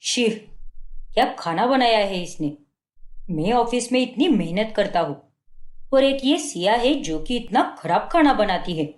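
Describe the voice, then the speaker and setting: A woman's voice: mid-range voice, lively intonation, measured pace, echoey room, lightly acted. A woman voicing a fault-finding young husband in a cartoon, scolding and contemptuous. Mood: scornful. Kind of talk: Hindi cartoon dubbing.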